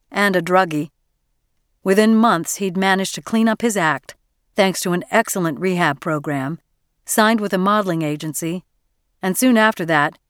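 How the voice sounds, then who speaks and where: A woman narrating an audiobook in a measured, even storytelling manner, close to the mic. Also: on the low side, no room sound. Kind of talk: scripted narration.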